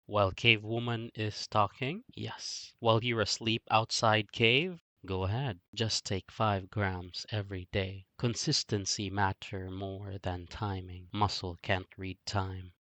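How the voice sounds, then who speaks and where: Slow, low caveman explainer played by a man. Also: sharp tone, no echo, heavily acted. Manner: caveman talk in short, blunt broken-grammar phrases. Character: slow, simple-minded but earnest caveman fitness explainer. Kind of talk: scripted comic explainer narration.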